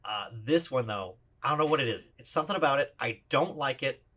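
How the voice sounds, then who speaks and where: A man with a bright, forceful voice ranks overpriced trading cards. He is plain-spoken and opinionated, often restarting his sentences. The clip is played back within another video. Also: mid-range voice, animated, fairly quick. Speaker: card reviewer in a played video. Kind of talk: casual ranking commentary.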